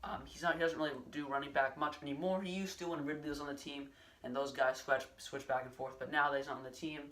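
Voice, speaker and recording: A man's voice: fairly high pitch, fairly even intonation, fast talker, a bit bright, far from the mic. A young man giving a casual, rambling solo sports recap with many fillers and restarts. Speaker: sports vlogger.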